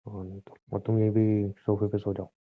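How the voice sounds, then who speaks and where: A man's voice: lowish voice, completely flat delivery, normal speed, no echo. A young man in a scripted comedic skit, playing an exasperated husband who grumbles and teases. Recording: tinny phone-call audio.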